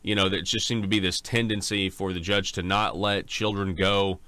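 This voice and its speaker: A male host conducts a conversational political interview in a fairly low but bright, forceful voice. He rephrases as he goes, working his way into each question. The sound is very dry. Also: fairly even intonation, normal speed, clear, resonant tone, no room sound.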